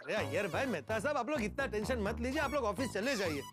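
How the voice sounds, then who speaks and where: A man acting in a television sitcom who shouts indignantly from his balcony. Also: sits high, very animated, fast. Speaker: sitcom character calling from a balcony. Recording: background music throughout.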